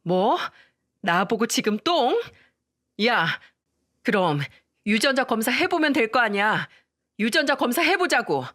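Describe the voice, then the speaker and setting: A woman voicing a scheming young wife in a storybook reading, her voice pushed high and whiny. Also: very animated, measured pace, long pauses, fairly bright tone, no echo, studio quality. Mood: indignant.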